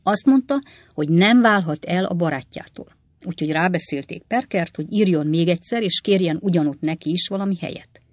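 A reader voicing a cynical, flippant young male law clerk who talks in a mocking, offhand way with swooping pitch, read in a dry studio. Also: no room sound, close to an everyday voice.

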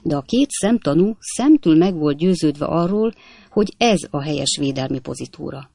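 Gravelly male audiobook narrator. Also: a little high, no echo. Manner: measured, even literary reading. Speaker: audiobook reader. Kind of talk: scripted narration of a classic novel.

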